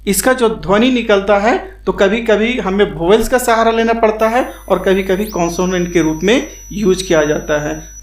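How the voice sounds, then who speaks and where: Slow, echoey grammar teacher, man. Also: high voice. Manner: slow, repetitive, asks and answers his own questions. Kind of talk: explanatory classroom lesson. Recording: echoey room.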